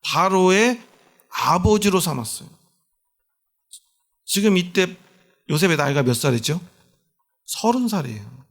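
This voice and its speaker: A man's voice: sits high, animated, unhurried, gravelly, pauses often, a bit bright. A male pastor giving a sermon in a conversational storytelling way, often asking the congregation questions.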